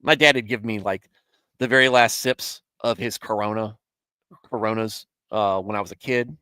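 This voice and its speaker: On a casual Bible live stream, a man in his thirties answers viewers at a moderate pace, rambling, restarting mid-sentence, and chuckling often. His fairly low voice is bright, forceful, clear, and resonant, with fairly even intonation. The sound is dry and close to the mic, with no echo.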